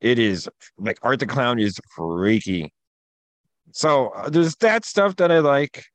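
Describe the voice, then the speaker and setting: Male co-host, rambling storyteller, middle pitch, dry close recording. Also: lively intonation, slow pace, no echo. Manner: rambling, storytelling, lots of fillers. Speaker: podcast co-host. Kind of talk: casual chat.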